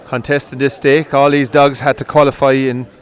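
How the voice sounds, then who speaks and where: This is a race commentator with a smooth, medium-pitched voice, covering greyhound coursing live outdoors. He keeps a brisk pace that lifts with excitement during each run.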